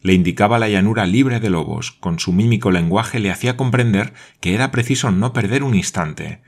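Deep-voiced man narrating an audiobook. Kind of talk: audiobook narration of an adventure novel.

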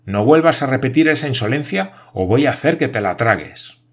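A man voicing an excitable adventurous man who shouts in exalted outbursts, husky-voiced. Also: medium pitch, normal speed. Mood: boisterous.

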